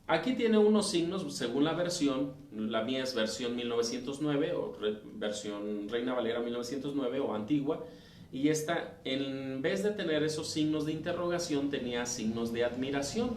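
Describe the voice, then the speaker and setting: A man with a Mexican Spanish accent, a deacon teaching a Bible lesson, reading scripture aloud and explaining it with pauses and self-corrections. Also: mid-range voice, darkish tone. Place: church room. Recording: roomy, distant mic with faint noise.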